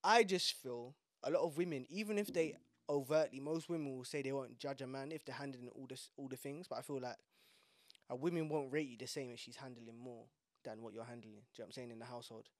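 A man's voice: mid-range voice, quick pace, no room sound, studio quality. A young man with a London urban street accent, chatting casually and emphatically in slang on a podcast. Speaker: podcast host.

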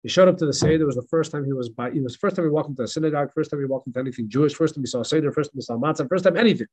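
Husky animated rabbi. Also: male voice, on the high side, racing, poor audio. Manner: animated, emphatic teacher with repetitions. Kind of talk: Passover class reading and storytelling. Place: synagogue in El Paso.

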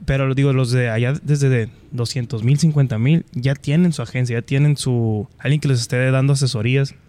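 A man's voice: medium pitch, steady tone, fairly quick, warm tone. A man with a Sonoran, northern Mexican accent hosting a casual chat, explaining and telling stories in colloquial slang. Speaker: podcast host.

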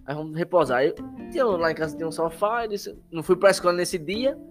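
A man's voice: on the high side, quick pace, soft background music. A young man, a podcast guest, tells a personal story in casual chat, rambling, repeating himself and laughing along the way.

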